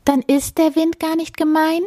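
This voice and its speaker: A tiny snowflake girl, lost and tearful, as a woman reading a bedtime story puts her on. Her voice sits very high and whines in pleading tones. The sound is dry and close. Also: little pitch movement, moderate pace, dark tone, no echo. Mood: hopeful. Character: small sad female snowflake, tearful and anxious.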